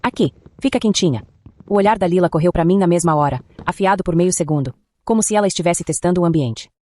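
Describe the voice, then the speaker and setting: A woman with a low-pitched voice narrates a first-person story, moving quickly yet keeping a steady, even delivery.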